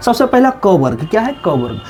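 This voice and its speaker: High-voiced man teaching by call and answer. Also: big pitch swings, a little fast, faint music behind. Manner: asks questions and answers them himself, repeating; drops low and soft on the repeated answer. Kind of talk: exam-prep lesson.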